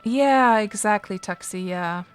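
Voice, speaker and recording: A woman who speaks Finnish natively chats through a game livestream, answering viewers while thinking aloud with lots of fillers and restarts. Her medium-pitched voice is smooth and a little slow, with faint music behind her.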